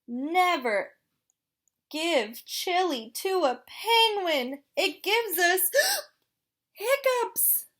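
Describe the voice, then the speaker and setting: A woman voicing a young penguin in a storybook read-aloud, excitable and polite, frustrated by hiccups, addressing children like a kids show host. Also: very high voice, drawn-out words, long pauses, pitched above the performer's own voice, exaggerated voice. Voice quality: speech broken by gasping hiccups.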